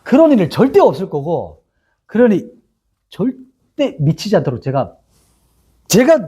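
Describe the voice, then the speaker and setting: Animated male pastor teaching scripture. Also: high voice, moderate pace, slightly rough. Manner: animated, asks the congregation questions, reads scripture aloud together. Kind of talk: Bible teaching lecture.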